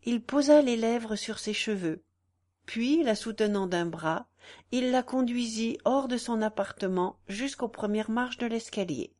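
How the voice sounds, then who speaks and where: Slow, measured woman narrator. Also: a little high, a little mellow. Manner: measured, unhurried reading. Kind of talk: audiobook narration.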